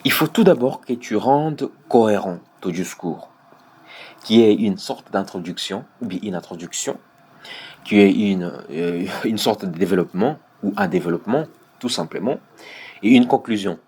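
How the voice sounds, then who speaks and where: A man teaching a public speaking lesson over a video call, explaining patiently with frequent pauses. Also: fairly low pitch, expressive, a little mellow, breathy edge. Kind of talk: online one-on-one lesson.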